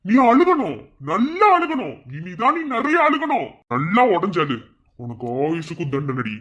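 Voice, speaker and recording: A man voicing a bitter, vengeful father in a cartoon, taunting and shouting at his wife. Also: mid-range voice, lively intonation, normal speed, lightly acted. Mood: gloating. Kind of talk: fan cartoon voice acting.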